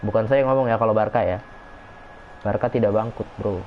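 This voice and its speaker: A man's voice: on the low side, fairly even intonation, a little fast. Guy streaming a footy game, chatty, muffled lo-fi audio. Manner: chatty, reacts to plays and reads chat aloud. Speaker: gaming streamer. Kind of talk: casual live game commentary. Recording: dull lo-fi stream audio, faint noise.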